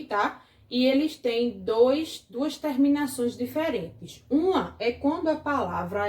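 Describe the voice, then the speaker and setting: Brazilian woman teacher, higher voice, slow and patient, echoey room. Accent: Brazilian Portuguese. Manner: patient, asks the class questions and checks with "certo?". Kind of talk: grammar lesson for children.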